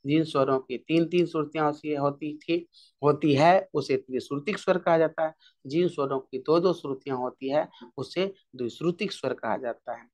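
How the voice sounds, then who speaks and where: A man's voice: a little high, normal speed, darkish tone. A male music teacher giving an exam-prep lesson, repeating key terms over and over in a drill style.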